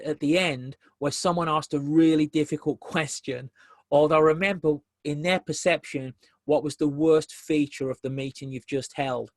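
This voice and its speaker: A man's voice: a little high, no room sound. A man giving a conversational business webinar presentation over a video call, repeating key phrases for emphasis.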